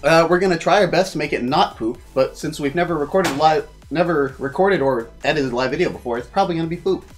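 A man's voice: a little high, fast talker, few pauses, faint music behind. A man co-hosting a casual channel update, rambling and teasing his partner. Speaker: channel co-host. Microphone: phone or laptop mic.

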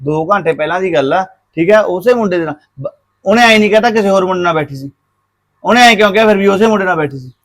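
An actor playing a hot-tempered young brother in a family drama, insistent and repeating himself. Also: male voice, high voice, lively intonation, fast, fairly bright tone. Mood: angry insistent. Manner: insistent, repeats "theek hai?". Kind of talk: scripted family drama acting.

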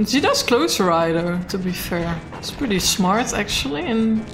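A woman's voice: mid-range voice, expressive, moderate pace, over music. A woman streaming a game she is playing, chatting casually, joking and reading the on-screen text aloud. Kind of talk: casual gaming chat.

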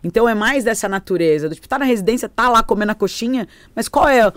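A young Brazilian woman, a guest on a talk show, chatting playfully and animatedly and slipping into quick impressions. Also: on the high side, lively intonation, no echo. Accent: Brazilian Portuguese. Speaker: guest, good-humor specialist. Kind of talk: casual chat.

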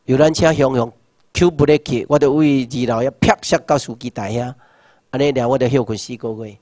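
A Taiwanese man in his sixties gives a rousing political lecture. He asks rhetorical questions and shouts slogans. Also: mid-range voice, steady tone, normal speed, dry recording, studio quality. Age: 60s. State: numb hands and feet. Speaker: seminar lecturer.

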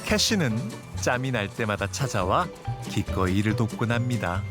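Lively male narrator over loud music. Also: medium pitch, normal speed. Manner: storytelling, rhetorical questions. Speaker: documentary narrator. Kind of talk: scripted narration.

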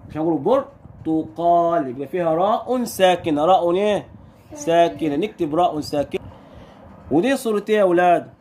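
A male teacher with an Egyptian accent walks small children through their letters. His fairly high voice rises and falls a lot, drawing the letter sounds out slowly and snapping out quick questions. A faint noise sits under the recording. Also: darkish tone. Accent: Egyptian Arabic. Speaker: primary school Arabic teacher. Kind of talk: recorded lesson for young children.

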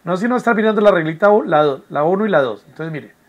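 A man's voice: high-pitched, expressive, fast talker, muffled recording. A man, teaching an English lesson from home, patient and repetitive, often checking that students follow. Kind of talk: recorded online class explanation.

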